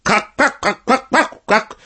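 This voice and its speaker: A man's voice: very high-pitched, bright, forceful tone, breathy edge, pitched above the performer's own voice, full character voice. Clucking flustered hens, as a man puts them on. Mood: panicked. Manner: cackling, chattering fast. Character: flock of fussy anxious hens.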